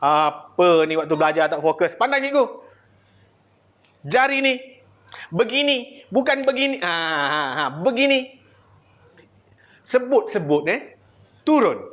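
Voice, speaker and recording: Malaysian Malay man, kids' abacus teacher, playful, teasing, slightly high voice, swings from loud drill calls to low asides. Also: sing-song, measured pace, pauses often. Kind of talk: classroom lesson to children.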